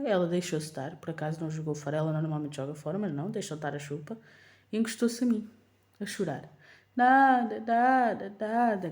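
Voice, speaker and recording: A woman's voice: lowish voice, warm tone. A young woman with a European Portuguese accent, a mother casually retelling a story to her vlog audience with emphasis. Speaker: mother of a toddler.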